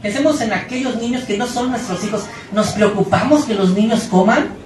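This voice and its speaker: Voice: mid-range voice, normal speed, a little mellow, a little hiss or hum. A preacher gives a sermon, telling stories and acting out the quotes with humor. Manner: storytelling with acted-out quotes and humor. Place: church hall. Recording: echoey hall, voice from a distance.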